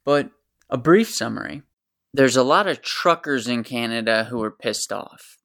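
American guy ranting on his podcast, gravelly voice, swears a lot, gets real worked up. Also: mid-range voice, expressive, a little slow, a bit bright. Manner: passionate, ranting and profane. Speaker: podcast host. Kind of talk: opinionated solo commentary.

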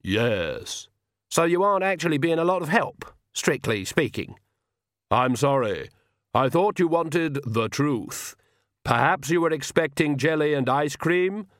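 Audiobook Death, slow and dry, as a male reader puts him on; a calm grave tone. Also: a little high, no room sound, voice pushed up.

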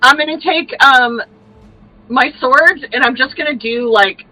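A middle-aged woman playing a tabletop game, talking in an animated, rambling way full of fillers. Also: high-pitched, measured pace, faint music behind, rough recording. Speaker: player. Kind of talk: casual tabletop play.

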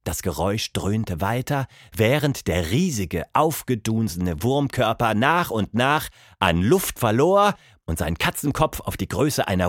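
A man narrating a children's audiobook with expressive, dramatic storytelling. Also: lowish voice, no echo, studio quality.

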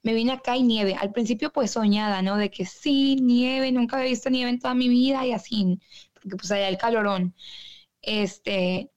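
A woman's voice: fairly high pitch, fairly even intonation, moderate pace, darkish tone, dull audio. A woman from Monterrey with a northern Mexican accent, telling her stories as a guest in a casual, slangy way. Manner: chatty, slangy, quotes people in her stories. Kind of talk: casual storytelling in an interview.

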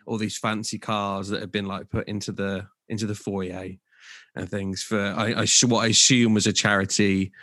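Low-voiced sweary man telling stories. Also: little pitch movement, moderate pace, sharp tone, no room sound, clean studio sound. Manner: sweary, laughing, storytelling. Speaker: podcast co-host, tour manager. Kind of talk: casual chat.

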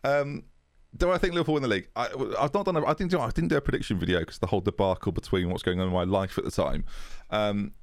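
A man talking football in a relaxed chat with a co-host. His voice sits low with a gravelly, fry-edged texture, and the recording is dry and close. He restarts his sentences often as he thinks aloud. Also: fast, no echo. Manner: chatty, restarts often with a laugh. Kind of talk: casual chat.

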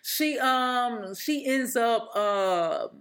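Woman, film podcast co-host, casual chat, rambling scene recaps, fairly high voice. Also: animated, extremely slow, a bit bright. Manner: chatty, retells scenes at length with many fillers.

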